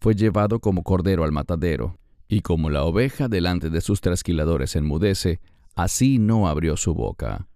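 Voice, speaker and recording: Guy hosting a bible talk, low mellow voice, earnest and careful. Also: expressive, moderate pace, dry recording, studio quality. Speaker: host. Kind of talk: Bible discussion.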